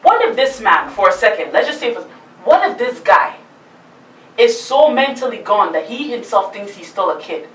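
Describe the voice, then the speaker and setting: A woman's voice: medium pitch, very animated, normal speed, a bit bright, reverberant, far from the mic, poor audio. A woman hosting a talk show, arguing her point emphatically in casual debate. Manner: argumentative, pushes back emphatically.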